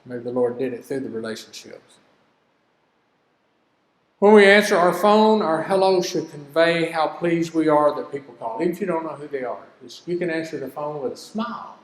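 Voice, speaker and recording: An older man with a drawl teaches in a homespun, storytelling way, earnest and plain-spoken. His voice sits a bit high for a man. The sound rings through a reverberant hall, with a long echo trailing each phrase. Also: lively intonation, moderate pace. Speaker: business teacher. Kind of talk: folksy teaching talk.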